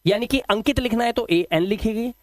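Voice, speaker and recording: A man's voice: high voice, a little fast, no echo. A man teaching a video lesson, who asks his viewers questions and answers them himself. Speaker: English teacher. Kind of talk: classroom-style video lesson.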